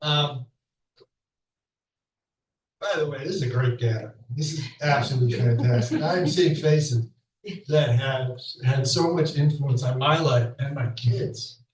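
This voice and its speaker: A man's voice: medium pitch, unhurried, a little mellow. A man giving an off-the-cuff tribute at a memorial, telling stories in a chatty way with laughs. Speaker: speaker at a memorial. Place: school hall. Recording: echoey hall, mic heard from a distance.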